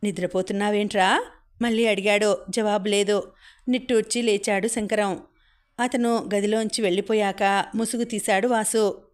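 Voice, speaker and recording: Flat-toned woman narrating a story. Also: mid-range voice, normal speed. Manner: even, steady reading, voicing characters' lines within the story. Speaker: audiobook narrator.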